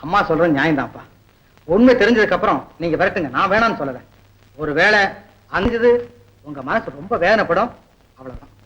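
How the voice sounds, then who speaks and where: A man's voice: high voice, lively intonation, fairly quick, pauses often, fairly bright tone, breathy edge, full character voice. An actor playing an earnest, persuasive young man in an old film drama, pleading and reasoning. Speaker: male lead in an old film. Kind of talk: 1950s-60s film acting. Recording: dull old film soundtrack with music.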